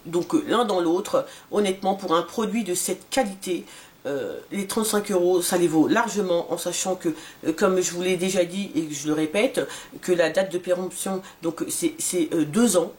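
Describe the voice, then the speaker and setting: A woman's voice: fairly low pitch, normal speed, darkish tone. A woman in her forties casually reviewing a skincare serum for her vlog, talking with many fillers and restarts. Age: 40s. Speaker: beauty vlogger.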